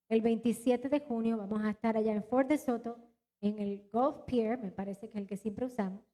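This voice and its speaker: Preaching animatedly to her congregation in a church hall, a woman pastor from Puerto Rico delivers a live sermon and announcements. Her voice is fairly high and mellow, and her accent is a mix of Latin American Spanish, only slightly Puerto Rican.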